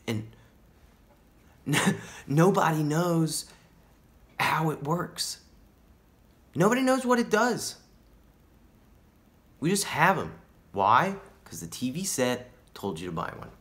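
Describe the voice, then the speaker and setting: A paranoid young stoner rambles on about conspiracies, played by a male actor in a self-tape monologue. He keeps tossing in "dude" and "man". His voice lurches from loud, high bursts down to hushed whispers. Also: big pitch swings, slow pace, long pauses, exaggerated voice. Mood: paranoid rambling. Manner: drops into hushed whispered asides; wildly swinging pitch and loudness.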